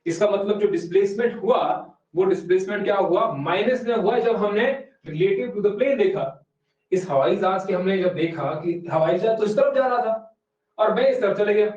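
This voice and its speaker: A man teaching an online exam-prep class, explaining step by step, often quizzing students, and reading English definitions out very slowly. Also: high voice, a little mellow. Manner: explains step by step, keeps asking students questions. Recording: very echoey room, voice from far off, dull sound.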